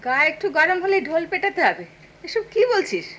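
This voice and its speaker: A woman's voice: extremely high pitch, very animated, fairly quick, a bit bright, heavily acted. An actress playing an irritable older mother in a 1980s TV drama, curt and dismissive. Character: irritable, sharp-tongued old mother.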